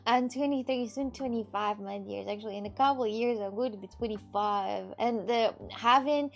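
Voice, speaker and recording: She's a streamer in her twenties answering viewers in a loose, rambling chat full of giggles and frequent swearing. Her voice is on the high side and creaky, at a moderate pace.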